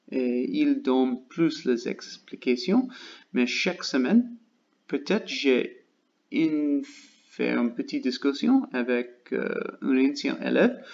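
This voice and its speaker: An American man talks slowly in learner's French, stopping often to hunt for the next word. His pitch sits in an ordinary middle range. The recording sounds a little dull and lo-fi. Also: a little mellow. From United States. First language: English. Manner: halting learner's French, searching for words with many pauses. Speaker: channel host. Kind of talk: casual vlog update.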